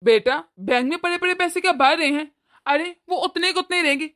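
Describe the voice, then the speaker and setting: Woman voicing older father-in-law, cartoon, lecturing, high pitch. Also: a little fast. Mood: fatherly. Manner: lecturing, gentle moralizing. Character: wise older father-in-law, patient and preachy. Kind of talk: cartoon voice acting.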